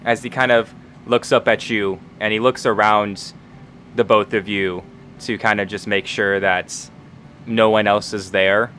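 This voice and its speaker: A man's voice: fairly low pitch, level tone, unhurried, a bit bright, slight background noise. A man working as game master, narrating scenes in a tabletop role-playing game.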